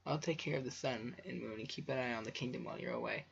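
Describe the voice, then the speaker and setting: A man's voice: mid-range voice, quick pace, vocal fry, a little hiss or hum. A man voicing a caring younger-sister pony princess in a storybook reading, earnest and reassuring with some stumbles. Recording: muffled lo-fi home recording.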